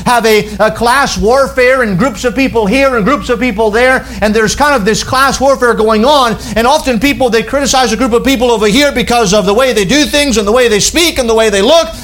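High-voiced man preaching a sermon. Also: a bit bright. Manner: earnest, slowing down to stress key words. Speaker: pastor.

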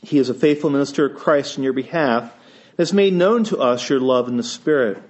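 A man's voice: mid-range voice, a little fast, darkish tone. Male preacher, Eastern Ohio Appalachian accent, slight head-cold sound, reverent sermon delivery, muffled lo-fi capture. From Eastern Ohio, United States. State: has a cold. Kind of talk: sermon with scripture reading and prayer. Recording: dull, band-limited sound.

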